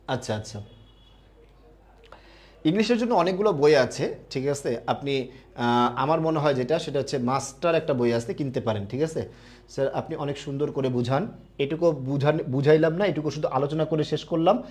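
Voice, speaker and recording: A young man teaches a live online admission class. His voice sits a little high for a man. He explains things step by step and keeps asking whether the students have understood. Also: normal speed, pauses often, a little mellow.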